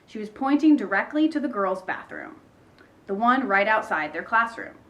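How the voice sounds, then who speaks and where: Woman teacher, children's book read-aloud, lively varied intonation. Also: mid-range voice, moderate pace.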